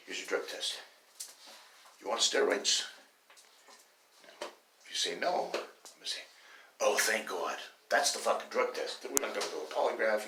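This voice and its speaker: A man's voice: low voice, bright, forceful tone. A man talking in a casual, rambling monologue, swearing now and then and restarting his sentences often. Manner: rambling, profane, with many restarts. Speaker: bodybuilding vlogger. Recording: echoey room, mic at a distance, faint noise.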